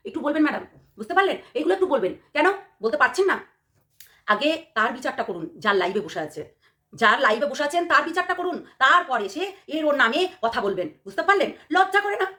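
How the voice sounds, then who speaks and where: Hoarse woman vlogger, high voice, rapid scolding rant full of sarcastic questions. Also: sing-song, pushed and bright. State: hoarse from a cold. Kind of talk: ranting commentary to camera.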